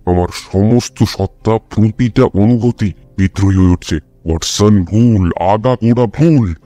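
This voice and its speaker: A man acting out a sharp, restless detective in a storybook audio drama, probing and lecturing in a measured way. The voice sits low and mellow. It sounds close and dry. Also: no echo, natural voice. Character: sharp, restless male detective, middle-aged.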